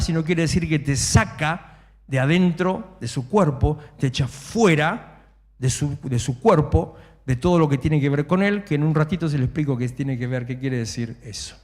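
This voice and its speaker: Rioplatense male pastor, fairly high voice, lively and humorous delivery, long church reverb. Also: normal speed. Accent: Rioplatense Spanish. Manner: animated, humorous, acts out shouting worshippers. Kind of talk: sermon. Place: church sanctuary. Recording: echoey church hall.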